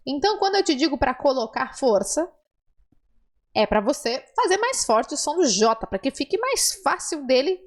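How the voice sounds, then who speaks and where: A young adult woman with a southern Brazilian accent teaching a language lesson, patiently explaining and modeling words slowly for the listener to repeat. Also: high-pitched, sing-song. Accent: southern Brazilian Portuguese. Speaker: Spanish teacher.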